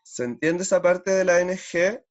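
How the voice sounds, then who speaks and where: A man's voice: high voice, moderate pace, muffled recording. A man with a Chilean accent teaching a beginner language class online, patiently drilling sounds and repeating syllables. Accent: Chilean Spanish.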